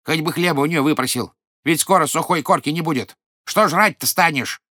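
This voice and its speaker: A man's voice: medium pitch, animated, normal speed, sharp tone, dry recording, studio quality. A man voicing a greedy, domineering old peasant woman who screeches and scolds. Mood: scolding.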